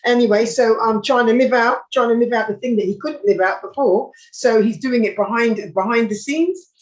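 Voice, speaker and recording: A woman's voice: fairly high pitch, moderate pace, poor audio. A British woman from the UK, talking emphatically on a political panel and repeating herself as she builds her point. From United Kingdom.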